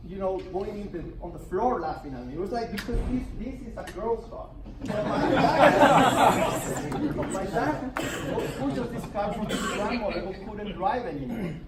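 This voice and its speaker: A man from El Salvador tells an animated story to a meeting group, laughing and stumbling over restarts as he goes. He sounds far from the microphone in a roomy, echoing space. Steady background noise runs beneath his voice. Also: high-pitched. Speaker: presenter at a business networking meeting. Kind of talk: storytelling presentation. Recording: echoey room, mic from far off, noisy.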